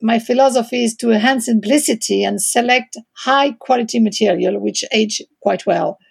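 On the high side and a bit rough and creaky, the voice belongs to a middle-aged French interior designer being interviewed. She moves at a moderate pace but hesitates, groping for English words through her French accent.

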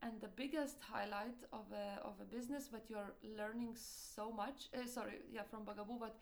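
Young Lithuanian-accented woman, non-native English, hesitant guest in an interview, voice on the higher side. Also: steady tone, normal speed. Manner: hesitant, searching for words, many fillers. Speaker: entrepreneur guest. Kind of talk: interview answers.

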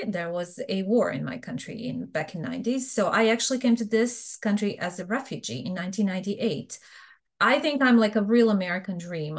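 A middle-aged woman from Bosnia with a Bosnian accent, speaking frankly and chattily as an interview guest. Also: medium pitch. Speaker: guest, fraud professional. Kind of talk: casual interview talk.

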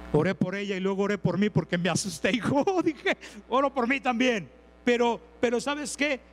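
A man's voice: very high voice, long reverb tail, low-quality recording. A man with a Mexican accent preaching a sermon, telling stories, acting out characters and asking the congregation questions. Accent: Mexican Spanish. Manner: storytelling, acts out characters, asks the congregation questions.

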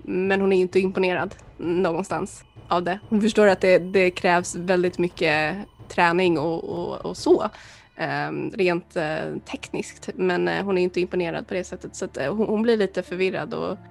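Hesitant, gravelly-voiced woman player. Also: fairly low pitch, fairly even intonation. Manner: hesitant, many "eh" fillers. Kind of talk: casual role-play talk.

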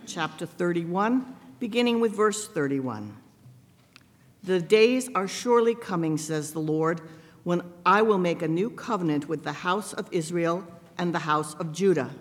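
A man with a rather high voice leads the liturgy, reading prayers and scripture at a steady, formal pace. His words ring out with a long cathedral echo that fills the sanctuary. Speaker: pastor leading worship. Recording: long church reverb.

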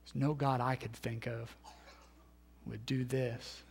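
A man in his thirties, a pastor giving a sermon, telling a story and acting out the voices in it, then dropping to hushed tones. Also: medium pitch, little pitch movement, slow, gravelly, a little hiss or hum. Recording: long hall reverb.

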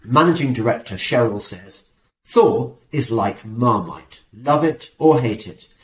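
A man's voice: medium pitch, animated, a little slow. An English man hosting a podcast, reading an advert and chatting with a jokey, sarcastic manner. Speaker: podcast host. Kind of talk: casual chat and read advert. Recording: roomy echo.

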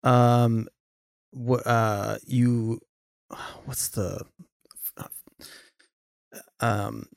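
A man hosting a casual chat, reacting briefly and speaking in slow, halting phrases. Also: medium pitch, level tone, gravelly, no echo, clean studio sound.

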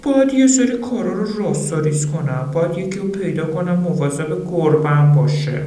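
Guy doing a hesitant gentle woman, lifted high voice, kinda echoey. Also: lively intonation. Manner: hesitant, questioning. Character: soft-spoken hesitant young woman. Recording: roomy.

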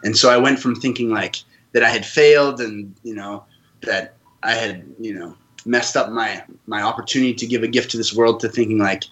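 A man's voice: on the low side, normal speed, a bit bright, muffled recording. A man from Canada, a podcast guest, telling his story in an earnest, reflective way during a casual interview.

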